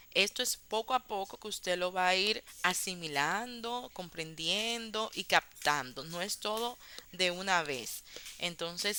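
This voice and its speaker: Slow, bright-voiced woman teaching grammar. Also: medium pitch, a little hiss or hum. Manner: patient, explains step by step with many fillers. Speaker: English teacher. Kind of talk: online grammar lesson.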